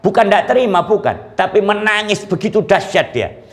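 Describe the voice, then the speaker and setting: A man's voice: high voice, lively intonation, fairly quick. A male preacher telling religious stories in a dramatic storytelling style, with a roomy echo. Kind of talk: storytelling sermon.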